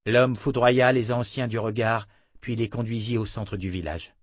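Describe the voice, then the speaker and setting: A man narrating a fantasy novel in measured storytelling style. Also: mid-range voice, fairly even intonation, dry recording, clean studio sound. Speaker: audiobook narrator. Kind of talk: scripted narration.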